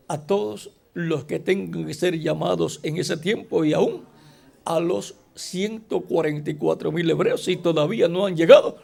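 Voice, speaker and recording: Slow, gravelly-voiced male preacher. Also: sits high, darkish tone. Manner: slow, deliberate preaching with rhetorical questions to the congregation. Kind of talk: sermon.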